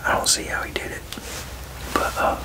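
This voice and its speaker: A person whispering a casual ASMR ramble, halting and frank, with folksy turns of phrase. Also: recorded from a distance, rough recording. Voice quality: unvoiced, breathy whisper with creaky edges. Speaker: ASMR video creator.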